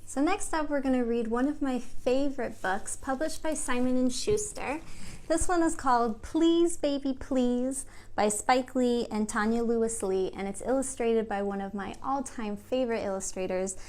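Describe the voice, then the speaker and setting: Speaking at a normal speed, a woman with a slightly high, darkish-toned voice hosts a children's storytime at a library. She offers simple words of encouragement, sings songs, and reads a picture book aloud in a sing-song way.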